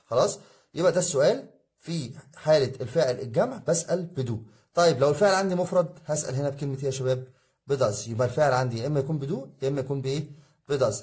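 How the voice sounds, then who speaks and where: An Egyptian-accented man teaches an exam review at breakneck speed. His voice is dark and warm, never sharp. He keeps asking the class questions and answering them himself, drilling each rule. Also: mid-range voice. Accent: Egyptian Arabic. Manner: addresses students as guys, drilling rules. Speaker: English teacher.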